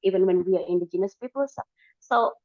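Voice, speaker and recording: A woman from Borneo whose first language is Dayak speaks English as a second language with an Indonesian accent. Working as a community organizer, she talks haltingly at medium pitch, with many fillers and restarts. The recording sounds dull and lo-fi.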